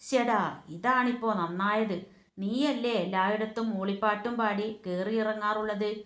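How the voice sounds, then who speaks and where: A woman's voice: medium pitch, fairly even intonation, normal speed, reverberant, natural voice. Ambilimaman, a woman doing a kindly moon uncle. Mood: fond. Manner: affectionate, gently teasing.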